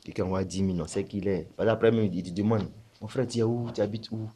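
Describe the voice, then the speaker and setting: A man's voice: fairly low pitch, steady tone, quick pace, mellow, breathy edge. A man talking casually as a spiritual teacher, explaining his points with frequent rhetorical questions.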